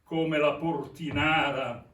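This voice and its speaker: Slow, echoey Milanese man reciting on stage. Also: a little high, fairly even intonation, a bit bright. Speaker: stage performer. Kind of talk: theatrical recitation of Milanese dialect poetry. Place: theatre stage, recorded from a distance. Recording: echoey stage, distant microphone.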